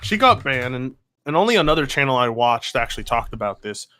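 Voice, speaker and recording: A man's voice: mid-range voice, sing-song, brisk, pushed and bright. A man co-hosting a podcast in casual, sweary conversation. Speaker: podcast co-host.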